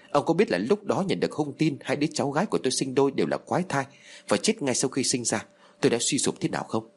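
Distraught older mother, tearful and accusing, lively swings in pitch, read by a male narrator. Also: husky. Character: grieving, frantic older mother, wailing and blaming.

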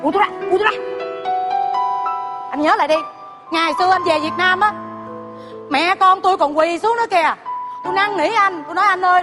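A woman with a very high voice plays a stage comedy sketch, full of scolding, mocking and melodramatic outbursts. Her voice rings with long reverb, and music plays clearly beneath it.

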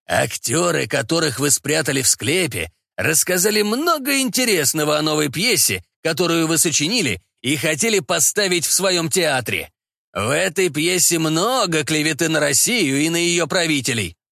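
A man voicing a calm, shrewd male official in an audiobook reading. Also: fairly high pitch, gravelly, dry recording, studio quality, full character voice. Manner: calm, measured.

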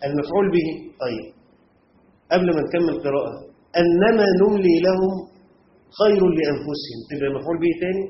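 A man's voice: a little high, lively intonation, fast talker, pauses often. A man with an Egyptian accent teaching a classroom lesson on Quran commentary grammar, constantly checking whether his students follow. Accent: Egyptian Arabic. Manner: quizzes the class with rhetorical checks. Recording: roomy, dull lo-fi room recording with faint noise.

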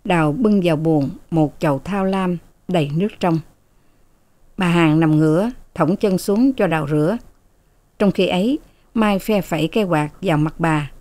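A woman narrating a novel as an audiobook, in a measured storytelling manner. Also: lowish voice, warm tone, no echo.

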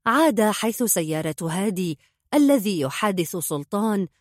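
A woman narrating a novel in a steady storytelling manner. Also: normal speed, no echo, clean studio sound. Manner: steady storytelling, dips low for characters' lines. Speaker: audiobook narrator. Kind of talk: scripted narration.

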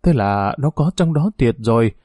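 A male narrator reads a war story with steady storytelling. His voice is mellow and dark, recorded close and dry with no room sound. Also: mid-range voice, normal speed, no echo. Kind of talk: audiobook narration.

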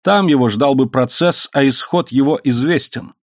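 A man reading an audiobook voices an indignant middle-aged knight who is quick to anger, with raised, forceful outbursts. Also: medium pitch, no echo, clean studio sound, pitched above the performer's own voice, natural voice.

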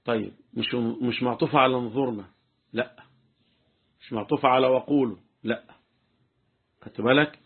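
An Egyptian sheikh gives a fast, chatty religious lesson, often checking that his listeners follow. His voice is slightly husky. The sound is thin and phone-like. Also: medium pitch. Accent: Egyptian Arabic. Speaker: sheikh teaching Quran commentary. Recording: tinny phone-like lo-fi recording.

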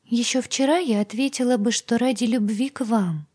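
A woman reader voicing a frightened, tearful young woman servant who pleads in a high, strained voice. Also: normal speed, darkish tone, husky. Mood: anxious. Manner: pleading, breathless and high-strung.

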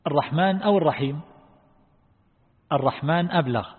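A man teaching a religious lesson as a scholar. He explains slowly and deliberately and puts questions to his listeners. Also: on the high side, slightly rough. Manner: asks the class questions. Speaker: Islamic scholar teaching Quran reflection. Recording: phone-like audio in a long-reverb hall.

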